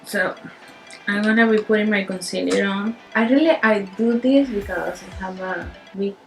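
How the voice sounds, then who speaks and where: A woman's voice: medium pitch, normal speed, gravelly, faint music behind, low-quality recording. A tipsy woman with a Spanish accent hosts a casual makeup tutorial, rambling in a giggly drunk way. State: tipsy from shots.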